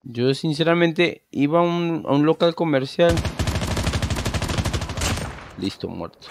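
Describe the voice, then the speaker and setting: Streaming a game from a small room at home, this thirtysomething man with a Venezuelan Spanish accent rambles casually into a headset and restarts with ease. He speaks slowly but animatedly, in a fairly high, creaky voice, with a slight hiss or hum in the recording.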